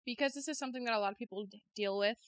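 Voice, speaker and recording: Fast-talking female co-host, mid-pitch, casual, dry close mic. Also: clean tone, no room sound. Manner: quick, brief interjections and agreement. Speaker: podcast co-host. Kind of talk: casual podcast chat.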